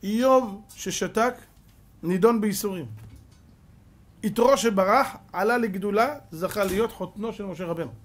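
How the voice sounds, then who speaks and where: High-voiced rabbi preaching with dramatic swings. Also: male voice. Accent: Israeli Hebrew. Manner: dramatic swings from hushed to shouting; rhetorical questions to the audience. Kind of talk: sermon.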